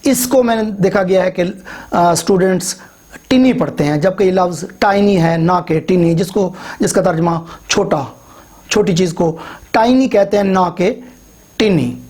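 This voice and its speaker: A middle-aged man teaching English pronunciation in a video lecture, slowly spelling out words letter by letter with frequent hesitant fillers. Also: high-pitched, darkish tone, breathy edge.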